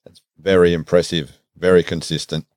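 A man hosts a podcast interview and asks long, measured questions. His voice is low and mellow. It sounds close and dry. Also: level tone, dry recording. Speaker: podcast host. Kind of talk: interviewing a guest.

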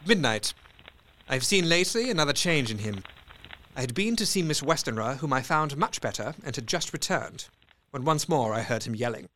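An actor playing an earnest young doctor, reading letters and diary entries in a measured way. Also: male voice, mid-range voice, expressive, sharp tone, a little hiss or hum.

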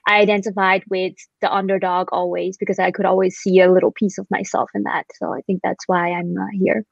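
A woman's voice: mid-range voice, flat delivery, fairly quick, vocal fry, slightly rough, dry recording, muffled recording. A woman from the Netherlands introducing herself on an online panel, friendly and a little hesitant. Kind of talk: casual personal introduction on a panel.

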